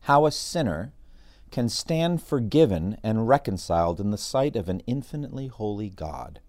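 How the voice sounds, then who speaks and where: A man's voice: on the low side, lively intonation, normal speed, a little mellow, no echo, clean studio sound. A middle-aged man hosting a solo podcast on church history, talking in an earnest, preacherly way and lifting his voice for dramatic readings. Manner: earnest, preacherly, reads quoted passages with dramatic lift. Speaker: podcast host.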